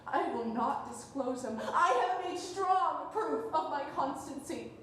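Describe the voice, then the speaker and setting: A woman's voice: high voice, expressive, unhurried, fairly bright tone. A young woman playing Brutus's wife on stage, speaking insistently, recorded from a distance in a very echoey theatre. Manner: insistent, resolute. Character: Portia, Brutus's resolute wife. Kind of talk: stage Shakespeare acting. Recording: distant mic, very echoey theatre, faint noise.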